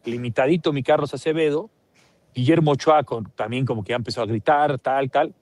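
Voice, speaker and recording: A man with a Mexican accent hosting a live sports talk show, animated and joking, with lots of restarts. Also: mid-range voice, fairly quick.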